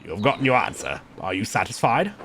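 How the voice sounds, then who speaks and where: Picture a cold, aging prior guarding his scriptorium, his words hushed and clipped with quiet disdain, as a man reads him in a lowered voice. He sounds sharp and tense, and there is a faint hiss of noise behind him. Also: very animated, quick pace. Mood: haughty, hushed.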